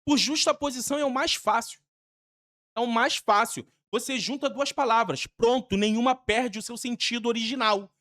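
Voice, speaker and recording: A teacher with a Brazilian Portuguese accent leads an exam-prep grammar lesson, speaking emphatically, repeating herself and tossing in casual slang. Her voice is on the high side and fairly bright, at a normal speed.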